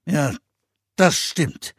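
A man's voice: mid-range voice, lively intonation, fairly quick, no room sound, clean studio sound, voice pushed up, natural voice. A man voicing a grumpy older master carpenter who grumbles in exasperation. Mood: grumbling.

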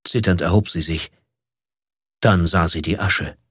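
Husky, low-voiced male audiobook narrator. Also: measured pace, dry recording, studio quality. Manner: dramatic, varied delivery.

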